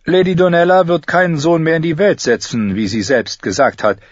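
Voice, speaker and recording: A man's voice: fairly high pitch, moderate pace, dry recording, dull audio, pitched above the performer's own voice, lightly acted. A man reading an audiobook, voicing an earnest learned scholar making a case. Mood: insistent.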